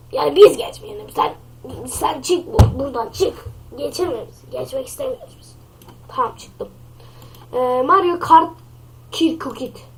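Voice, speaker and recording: A woman's voice: sits high, slight background noise. A woman with a nasal voice doing crude, joking gameplay commentary as channel host.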